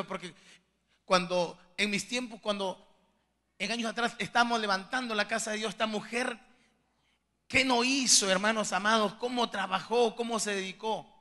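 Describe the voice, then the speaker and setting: A male pastor preaching a sermon, moving between soft, intimate asides and loud, emphatic climaxes, fervent and pleading, often repeating words as he searches for phrasing. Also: high-pitched, long reverb tail. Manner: fervent and pleading, addressing listeners as beloved brothers.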